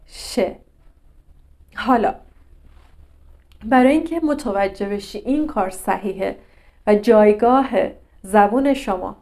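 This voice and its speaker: A woman's voice: medium pitch, mellow. A woman speech coach giving a pronunciation lesson and demonstrating sounds as she talks the viewer through them.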